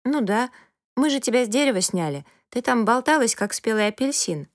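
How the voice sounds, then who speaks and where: A woman voicing a lively, curious young girl who talks frankly and eagerly in a storybook reading. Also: a little high, fairly quick, dry recording, clean studio sound, voice pushed up, lightly acted.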